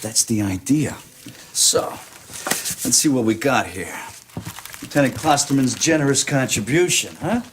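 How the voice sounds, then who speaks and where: A man's voice: medium pitch, expressive, a little slow, lightly acted. An American man acting a genial, wry soldier who runs the room like a gambler at a card table. He drawls and teases in a folksy way. Some background noise and clicks sit on the film soundtrack. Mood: wry, playful. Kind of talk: film drama dialogue.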